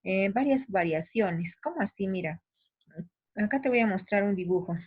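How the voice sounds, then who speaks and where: A woman's voice: medium pitch, animated, normal speed, slightly rough. A woman teacher with a provincial Peruvian accent explains the material patiently and speaks directly to her students. She often restarts her sentences as she works toward each point. Her voice sits in an ordinary mid range and comes through thin and tinny, like a phone line. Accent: Peruvian provincial Spanish. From Peru. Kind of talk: recorded class explanation.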